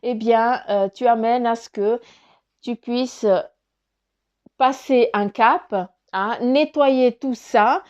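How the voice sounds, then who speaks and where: A woman's voice: fairly high pitch, steady tone, slow pace, a little mellow, dull audio. A woman giving a casual spoken card reading, rambling with many fillers and restarts, her nose stuffy from crying. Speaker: spiritual card reader.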